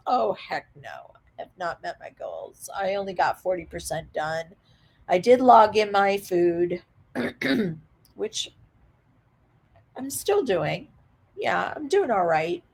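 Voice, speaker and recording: A woman vlogger casually retelling a dramatic story, animated, with frequent laughter. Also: mid-range voice, slow. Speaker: reseller vlogger.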